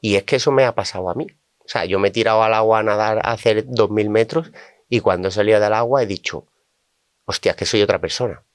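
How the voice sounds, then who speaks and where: A man from Spain with a low, smooth and resonant voice tells stories from his coaching work. He often acts out his clients' words in quick asides. The studio sound is dry and close. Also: no echo. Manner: animated, quotes clients in asides. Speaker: coach and guest. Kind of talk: conversational storytelling.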